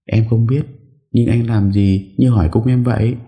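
A man's voice: mid-range voice, fairly even intonation, normal speed, dark tone, pitched above the performer's own voice, close to an everyday voice. A man voicing a young woman who is anxious and presses her husband with questions. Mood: anxious, pressing. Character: young woman, worried and curious bride.

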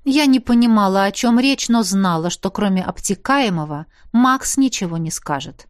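A woman narrating a novel in the first person with steady, even reading. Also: medium pitch, normal speed, no echo, studio quality. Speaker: audiobook narrator.

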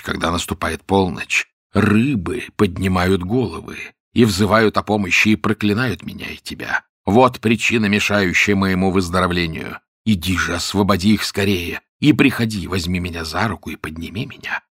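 A man voicing a king who feigns a weak, sickly voice, speaking faintly and haltingly in a low whisper. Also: fairly bright tone, slightly rough, no room sound, clean studio sound. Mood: weak, commanding.

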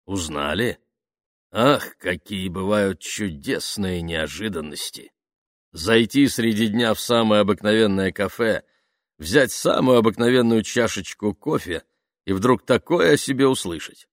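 Pompous crooning actor, read by a man, slow and drawn-out, dry close sound. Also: on the low side, no echo, lightly acted. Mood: theatrical. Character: vain smooth middle-aged actor, theatrical baritone.

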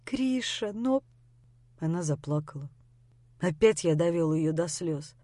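A woman reading a novel aloud in the first person, with steady, intimate storytelling. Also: low voice, moderate pace, dry recording, clean studio sound. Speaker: narrator. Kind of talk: audiobook narration.

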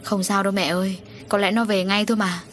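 A woman's voice: mid-range voice, flat delivery, fast talker, fairly bright tone, faint music behind, natural voice. A woman voicing a guilt-stricken middle-aged father in an audio story. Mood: curt. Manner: anguished, pleading.

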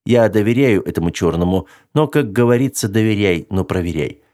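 A man voicing a calm, confident male space captain with a wry, commanding manner. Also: lowish voice, fairly quick, natural voice. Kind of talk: audiobook character voice.

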